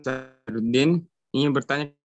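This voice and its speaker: A man's voice: medium pitch, unhurried, music in the background. A man joining an online discussion over a bad connection, his audio choppy and breaking up as he tests his mic hesitantly and asks to speak. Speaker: participant asking a question in an online forum. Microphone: video call. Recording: dull muffled call audio, off-mic at times.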